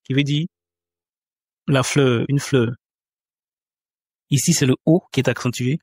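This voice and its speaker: A man teaching a pronunciation lesson at a mid-range pitch, with a patient and unhurried delivery. He says each example word more than once, slowly, and often stops to search for a word. The sound is close and dry, with no room around it. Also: steady tone, a little mellow, breathy edge, no room sound. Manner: patient, repeats example words slowly, frequent hesitations. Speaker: language teacher. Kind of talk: spoken lesson explaining pronunciation.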